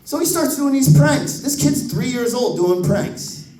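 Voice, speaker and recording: A man's voice: very high voice, a little slow, far from the mic, soft background music. A man in his fifties telling profane stand-up comedy stories, acting out other people's voices. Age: 50s. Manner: profane, animated, acts out voices. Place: comedy club stage. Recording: roomy echo, voice from the mic.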